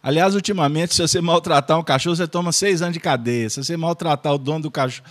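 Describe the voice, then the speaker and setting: A man's voice: fairly high pitch, fast, fairly bright tone. A man with a Brazilian accent presenting a spiritist study group, giving an informal lecture in a joking manner and checking in with his audience. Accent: Brazilian Portuguese.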